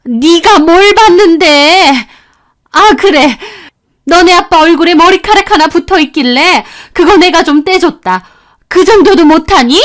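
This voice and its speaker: A woman's voice: very high voice, unhurried. A woman voicing a two-faced woman teacher. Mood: scolding. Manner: soft and coaxing, then sharp and scolding. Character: hypocritical female academy teacher, sweet turning menacing. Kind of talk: acted story dialogue.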